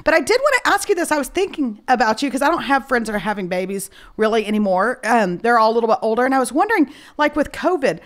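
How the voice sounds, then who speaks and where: A woman's voice: a little high, big pitch swings, quick pace, few pauses. A woman in her late forties hosting a podcast in a casual, chatty interview style, with a head cold in her voice. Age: late 40s. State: has a cold. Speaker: podcast host.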